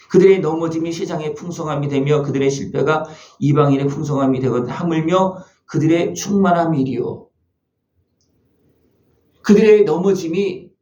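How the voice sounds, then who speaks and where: Korean pastor preaching in an echoey church. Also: male voice, on the high side, dark tone. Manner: asks the congregation rhetorical questions, with frequent "예?" and "그죠?". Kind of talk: sermon. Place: church sanctuary.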